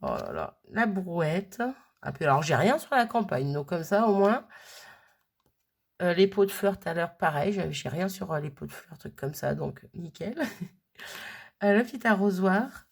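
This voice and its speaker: A woman's voice: on the low side, animated, unhurried, creaky, slightly rough. A woman chatting casually as she unboxes a craft gift, gushing and repeating her delight as she goes.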